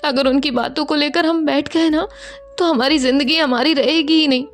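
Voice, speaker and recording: A woman's voice: high voice, fairly even intonation, moderate pace, faint music behind, pitched above the performer's own voice. A woman doing a tearful stammering young woman. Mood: firm reassuring. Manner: stammering, repeating words. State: crying. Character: young woman, tearful, pleading with her lover.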